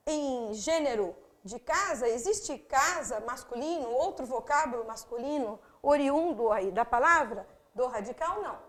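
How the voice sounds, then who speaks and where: A woman's voice: high-pitched, a bit bright. A woman with a Brazilian accent, teaching a grammar video lesson for exam candidates, explaining step by step to the viewer with frequent asides. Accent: Brazilian Portuguese.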